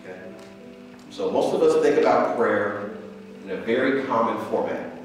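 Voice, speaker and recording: A man's voice: medium pitch, moderate pace. A man in his forties preaching a sermon to a church as its preacher. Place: church stage, indoors. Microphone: headset. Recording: very echoey hall, distant, loud music. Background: instrumental music.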